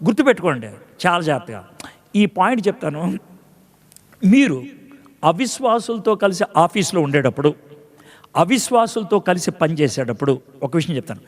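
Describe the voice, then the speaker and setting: A man's voice: sits high, sing-song, moderate pace, long pauses, big-room sound. A man pastor preaching a sermon in a conversational way, acting out scripture dialogues and quizzing his congregation. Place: church.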